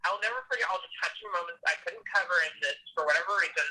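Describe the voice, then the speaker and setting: A man's voice: a little high, very fast, pushed and bright. A teenage young man heard over a phone on speakerphone, earnestly reading a prepared tribute from his notes. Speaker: student giving a tribute. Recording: tinny phone call on speakerphone.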